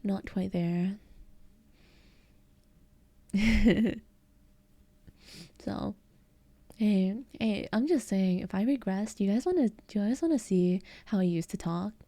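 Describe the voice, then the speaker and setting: A young woman streamer chatting casually on a close mic, soft-spoken and giggly, rambling with lots of fillers. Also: mid-range voice, expressive, measured pace, pauses often, no room sound. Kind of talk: casual ASMR stream chat.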